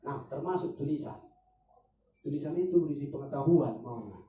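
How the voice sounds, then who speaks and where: A man talking at a casual group discussion, walking through his ideas with spoken examples. His voice sounds dark and mellow. He is picked up from across an echoey room on a dull, muffled recording. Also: fairly high pitch, lively intonation, brisk, recorded from a distance. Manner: explanatory, illustrates points with spoken examples. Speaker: discussion speaker.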